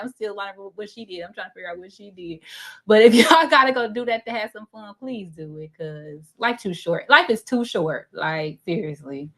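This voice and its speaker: A woman's voice: medium pitch, a bit bright. A young adult woman, a guest, speaking earnestly with many filler words.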